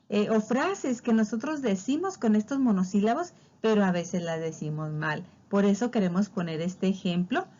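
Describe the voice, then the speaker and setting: A woman's voice: mid-range voice, mellow, muffled recording. A woman teaching a spelling lesson, patiently walking through examples and drawing out key words. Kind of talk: spelling lesson explained over slides.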